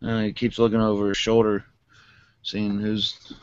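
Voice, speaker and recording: Man, monotone, casual unboxing vlogger, rambles with fillers, dull lo-fi sound. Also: lowish voice, unhurried, smooth, no room sound. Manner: rambling, many fillers, calls own voice monotone.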